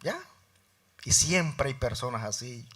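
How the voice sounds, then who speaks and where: A middle-aged man preaching a sermon in church, telling a personal story and acting out both sides of the dialogue, swinging between loud emphasis and soft, low asides. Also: lively intonation, slow pace, breathy edge. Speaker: lay preacher.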